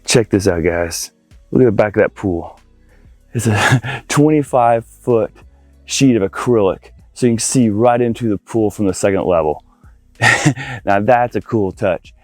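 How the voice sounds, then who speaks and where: Speaking at a measured pace in a voice on the low side, a man shows off his audio-video installation work in a backyard beside a pool. His tour is a casual, enthusiastic vlog aimed at viewers, with soft background music and no room sound.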